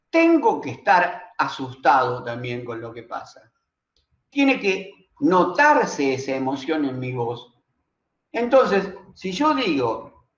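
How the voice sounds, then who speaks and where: Slow, lively-pitched man lecturing in a roomy room. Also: lo-fi sound. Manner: reflective, asks himself rhetorical questions. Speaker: teacher of a reading and writing course. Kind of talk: recorded lecture.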